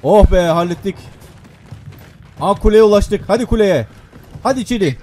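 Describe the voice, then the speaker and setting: A young man doing casual gameplay commentary, excitable and swearing, shouting at the game. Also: sits high, moderate pace.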